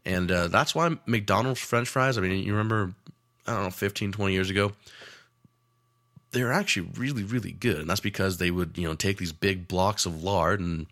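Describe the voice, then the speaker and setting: Male chef-teacher, deep and forceful tone, casual, filler-heavy delivery with wry asides. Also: moderate pace. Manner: casual, rambling with frequent fillers; joking asides. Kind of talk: cooking lesson.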